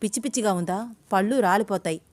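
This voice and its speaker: A woman voicing a bold, teasing young man in love, in an audio story, in her own even voice. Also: mid-range voice, fast talker, no echo, lightly acted. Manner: coaxing, teasing.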